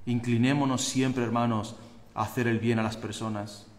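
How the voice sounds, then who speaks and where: A man with a Spanish accent from Spain, a pastor preaching a sermon, who swings between fervent exhortation and calm teaching. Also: medium pitch, normal speed. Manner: acts out voices of people in his stories. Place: church sanctuary. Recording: echoey church hall.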